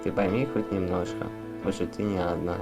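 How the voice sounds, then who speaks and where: A man's voice: sits low, steady tone, brisk, gravelly, loud music behind the voice. A man singing a melodic ballad. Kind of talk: sung ballad.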